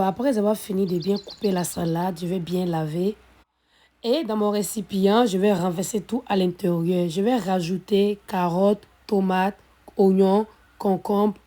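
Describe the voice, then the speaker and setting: A woman hosting a cooking video, calmly narrating each recipe step, her voice a little hoarse from being ill. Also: mid-range voice. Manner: calm, methodical, repeats set phrases. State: slightly hoarse from illness. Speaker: cooking channel host.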